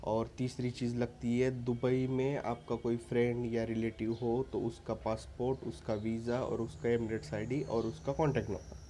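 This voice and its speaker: A man's voice: medium pitch, level tone, normal speed, warm tone, a little hiss or hum. A man talking casually to viewers, giving practical advice in an earnest, insistent way, often tagging his sentences with an "okay". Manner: informal, repeats "ठीक है" as a tag, frequent restarts. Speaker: vlogger giving visa advice. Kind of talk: casual advice talk to camera.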